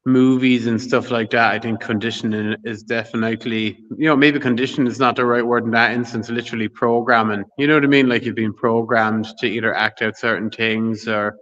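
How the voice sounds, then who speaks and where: A man's voice: medium pitch, fairly even intonation, a little fast, hardly any pauses, fairly bright tone, lo-fi sound. A man talking casually as a guest on a live stream, rambling and often asking "you know what I mean". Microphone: video call.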